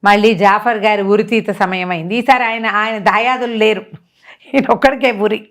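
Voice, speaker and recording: A middle-aged woman telling a dramatic story in a casual talk-show manner, lifting her pitch sharply for emphasis. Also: normal speed. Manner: animated, swings up in pitch for emphasis. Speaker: storyteller guest.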